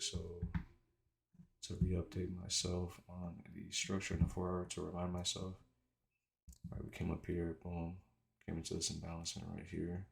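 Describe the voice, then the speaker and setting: A man with a slight lisp from wearing retainers gives casual, halting commentary, thinking aloud informally as he analyzes. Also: deep voice, creaky. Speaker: trader doing market analysis. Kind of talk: casual screen-share commentary.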